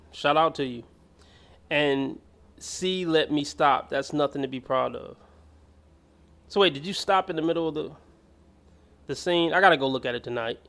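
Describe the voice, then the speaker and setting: Guy hosting a stream, rambly and slangy, kinda higher voice. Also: gravelly, a bit bright. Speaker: livestream host. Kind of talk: casual chat reacting to chat and a clip.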